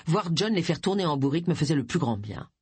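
A reader voicing Tilly, a gruff middle-aged village woman who is blunt and scornful, speaking in a low, curt voice. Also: sing-song, fast, no echo, full character voice. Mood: bitter. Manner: curt, dismissive, grumbling.

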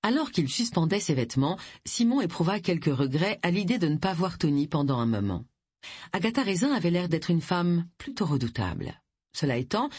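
An audiobook narrator reading a story in an expressive way. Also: mid-range voice, husky, dry recording. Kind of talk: scripted narration.

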